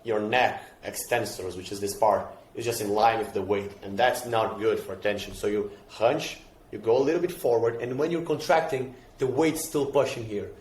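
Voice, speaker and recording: A man's voice: on the low side, normal speed, few pauses, echoey room. A man with a Brazilian accent explaining fitness ideas casually and emphatically, often repeating himself and asking rhetorical questions.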